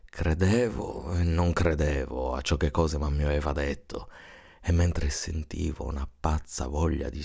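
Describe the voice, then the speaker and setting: A man's voice: very deep voice, gravelly, darkish tone, husky. A man reading a literary story aloud in a grave, dramatic manner, often sinking to a whisper. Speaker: audiobook reader.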